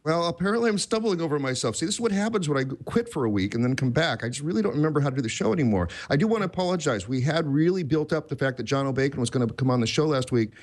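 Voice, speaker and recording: A man's voice: a little high, animated, rapid-fire, few pauses. A man hosting a tech podcast in casual chat, rambling and self-deprecating, with many restarts. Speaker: podcast host.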